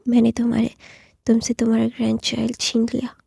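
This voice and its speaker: A woman's voice: on the high side, completely flat delivery, fairly quick, creaky, mellow, husky, no room sound, studio quality, exaggerated voice. A woman voicing a cold, vengeful older woman, spoken half in a whisper.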